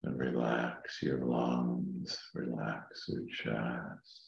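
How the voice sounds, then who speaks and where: A man leading a guided meditation in a calm, slow, meditative tone. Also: rumbling low, creaky, echoey room, highs cut off.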